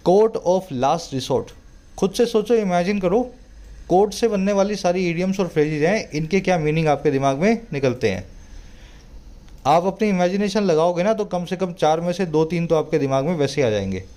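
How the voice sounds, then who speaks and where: A male tutor with a mellow, fairly high voice, explaining English vocabulary in Hindi. He reads English lines out very slowly. Then he breaks them down in a chatty teaching way, often asking the viewer rhetorical questions. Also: animated. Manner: explains word by word, slows sharply to read English passages. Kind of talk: Hindi-language English lesson reading a newspaper editorial.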